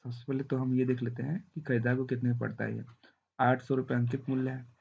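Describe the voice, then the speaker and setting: A man's voice: mid-range voice, little pitch movement, fast talker, gravelly, breathy edge, phone-quality sound. A man teaching a math lesson with a sore throat, walking through the arithmetic step by step and checking in often. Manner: walks through arithmetic step by step, often saying "thik hai".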